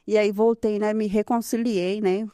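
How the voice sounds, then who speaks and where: Speaking at a normal pace with a steady, medium-pitched, clean tone, a woman in her 30s gives her testimony as an interview guest. She is earnest and conversational, laughing softly and frequently tagging phrases with "né?" The studio-quality recording has no room sound.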